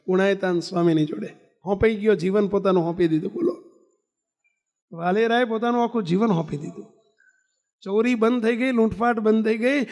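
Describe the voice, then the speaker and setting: Man, devotional sermon, animated storytelling, rhetorical questions, high pitch, long hall reverb. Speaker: swami preaching a religious discourse.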